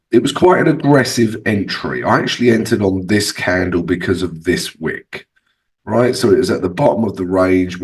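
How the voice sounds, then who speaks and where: A man's voice: lowish voice, recorded from a distance. A man with a sore, swollen-sounding throat hosting a casual trading tutorial, talking viewers through charts in a conversational way with frequent checking tags. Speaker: trading channel host and analyst.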